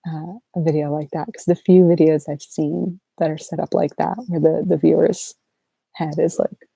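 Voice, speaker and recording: A sleep-deprived woman chatting softly and casually as an ASMR livestream host, in a halting, low-energy, rambling way. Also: level tone, gravelly, husky, no echo, low-quality recording. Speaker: ASMR artist hosting a livestream Q&A.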